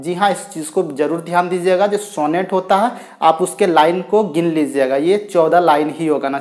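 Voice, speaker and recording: A young man giving a chatty video lecture on poetry to students, often saying "guys" and "okay". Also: high-pitched. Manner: chatty, repeats "theek hai" and "guys" often. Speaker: English literature teacher.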